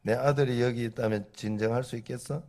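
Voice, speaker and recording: A preacher voicing an angry father shouting at a doctor. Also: mid-range voice, fairly even intonation, a little fast, natural voice. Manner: accusing, demanding. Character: angry impatient father of a sick boy. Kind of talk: sermon illustration.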